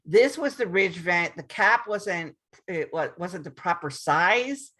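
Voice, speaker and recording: A woman realtor chats casually to her viewers in a screen-share video recording, her lowish voice husky, fairly bright, expressive and slow. She repeats herself and keeps restarting sentences, with lots of ums.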